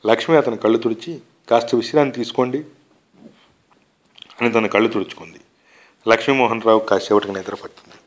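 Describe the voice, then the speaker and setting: A man reading a short story aloud in a measured, unhurried way. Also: fairly low pitch. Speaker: reader of short stories. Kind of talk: literary narration.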